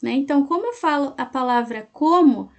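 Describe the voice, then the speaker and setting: A woman teacher explaining a lesson to her class slowly, syllable by syllable, and checking in often with her students. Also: high voice, animated.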